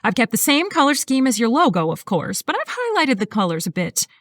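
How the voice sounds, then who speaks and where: A woman voicing a brisk, purposeful female interior designer with a slight Texan accent. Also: fairly high pitch, sing-song, dry recording, clean studio sound. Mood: bustling. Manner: upbeat, bustling.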